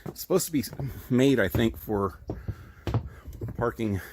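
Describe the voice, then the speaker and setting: A man with a mid-range, animated voice walks through his little outdoor woodworking shop at an RV park among trees, speaking a little slowly. The tour, shot on a handheld camera, is rambling and casual, peppered with ums and self-corrections, and he sounds slightly breathless over background noise.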